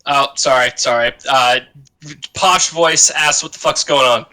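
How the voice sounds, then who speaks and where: A man playing a tabletop game, asking quick practical questions about what is going on. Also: medium pitch, sharp tone. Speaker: player.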